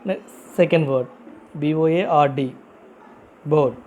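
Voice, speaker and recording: A man explains vocabulary at a very unhurried pace, spelling each word out letter by letter. His voice is mellow and dark but sits fairly high, and he repeats every example sentence. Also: lo-fi sound. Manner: slow, repetitive, spells words out letter by letter. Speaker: English teacher. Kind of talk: vocabulary lesson.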